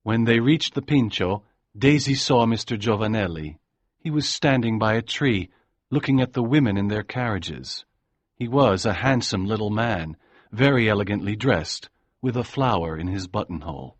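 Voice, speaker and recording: A man narrating an audiobook in a calm, measured way. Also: fairly low pitch, dry recording.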